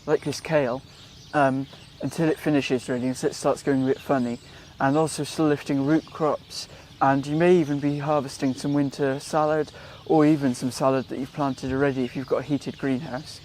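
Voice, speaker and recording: A young man from Wales talks casually through his garden jobs, mid-pitched and unhurried. He fills gaps with ums and corrects himself as he goes. He is recorded outdoors with faint birdsong behind him. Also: a little hiss or hum. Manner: relaxed, chatty, with frequent ums and self-corrections. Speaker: gardening vlogger. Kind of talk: casual how-to vlog.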